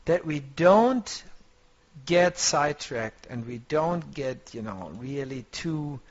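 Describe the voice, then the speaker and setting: A man's voice: a little high, expressive, slow. A man teaching a trading course, coaching his students in a motivational way and often searching for words. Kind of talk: online course lecture. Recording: dull lo-fi compressed audio.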